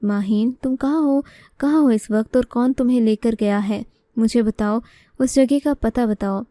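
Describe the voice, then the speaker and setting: A woman's voice: fairly high pitch, dark tone, no room sound, close to an everyday voice. A woman voicing a young man, the heroine's brother, speaking urgently and defensively. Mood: worried.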